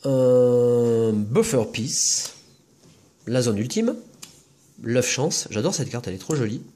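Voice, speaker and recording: Husky-voiced man chatting through card openings. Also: medium pitch, very animated. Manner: chatty, listing cards with quick comments. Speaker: host opening trading card packs. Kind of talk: casual card-opening commentary.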